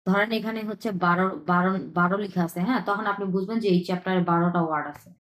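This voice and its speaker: A woman teaching a recorded language lesson at a middle pitch. She says each word slowly two or three times and keeps checking in with her listeners. The room around her sounds echoey. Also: fairly even intonation. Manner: repeats words slowly, checks in with "হ্যাঁ?".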